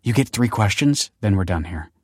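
A man's voice: lowish voice, animated, moderate pace, dry recording, studio quality. A male audiobook narrator voicing a stiff, defensive woman who runs a factory and answers in curt, guarded lines.

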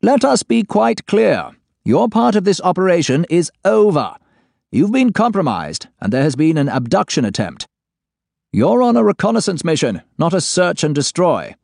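A man's voice: sits high, vocal fry, no echo, studio quality, voice pushed up, exaggerated voice. A man voicing a stern, stressed male spymaster boss who barks orders in a clipped, commanding way. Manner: clipped, commanding, strained calm.

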